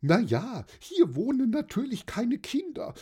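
A narrator voicing a cheerful, excitable elderly aunt who chatters with little "äh" fillers, in a storybook reading. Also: a little slow, husky, full character voice. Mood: bubbly. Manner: bubbly, high and excited, with hesitant "äh" fillers. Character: cheerful elderly aunt hosting a birthday party.

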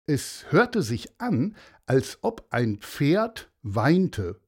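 A storyteller reading a children's story aloud with an expressive delivery. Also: mid-range voice, extremely slow, slightly rough.

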